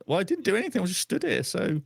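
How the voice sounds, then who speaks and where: A man with a creaky, gravelly voice plays a tabletop game. His casual, joking chat moves up and down a lot in pitch. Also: very animated, quick pace.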